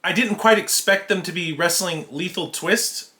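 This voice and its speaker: Bright-voiced, easygoing podcast co-host man. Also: sits high, moderate pace. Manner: easygoing, hesitant, many uhs. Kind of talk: casual wrestling recap chat.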